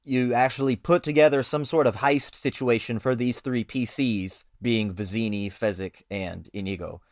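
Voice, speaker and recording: A man's voice: mid-range voice, steady tone, moderate pace, dry recording. Playful man on a dry mic. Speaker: podcast co-host. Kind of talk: casual chat about tabletop games.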